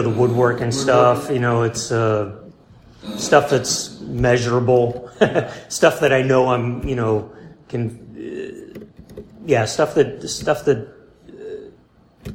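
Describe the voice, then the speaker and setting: A man in a casual interview, rambling and halting, with many fillers and restarts, laid-back and self-deprecating. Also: mid-range voice, fairly even intonation. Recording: roomy with faint background hum.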